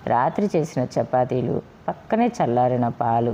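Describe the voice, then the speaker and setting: Low, dark-voiced woman storyteller. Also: moderate pace, dull audio, slight background noise. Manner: steady, expressive storytelling. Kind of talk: scripted story narration.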